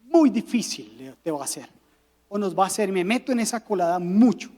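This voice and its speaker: A man with a Colombian accent preaching a sermon as pastor, lively, with rhetorical questions and jokes. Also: sits high, fairly quick.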